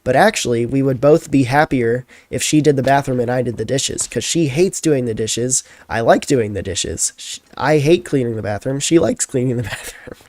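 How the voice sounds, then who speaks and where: A man's voice: medium pitch, normal speed, a little mellow, no room sound. A tired young man chatting casually as a streamer, telling a rambling story full of fillers.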